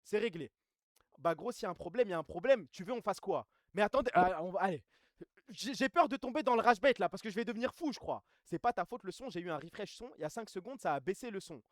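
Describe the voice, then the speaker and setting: Fast-talking slangy streamer. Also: male voice, sits high, lively intonation, no echo, studio quality. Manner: fast, slangy, reacts to chat. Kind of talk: live stream chat, reading reviews and news. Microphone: streaming mic, gain adjusted mid-stream.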